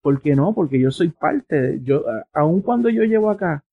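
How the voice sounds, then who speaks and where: A man from Puerto Rico, with a Puerto Rican Spanish accent, talks casually as an interview guest, sounding earnest and explanatory as he thinks aloud. His voice is fairly high and animated, with a moderate pace and a breathy edge. The recording is dry and slightly muffled.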